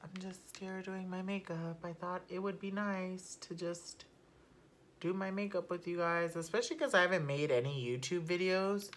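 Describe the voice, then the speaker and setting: A young woman talking casually through her makeup routine at home, chatty and unfiltered, swearing offhandedly and sometimes dropping to a soft murmur. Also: fairly low pitch, moderate pace, slight background noise. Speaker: beauty vlogger. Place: at home, not in a studio.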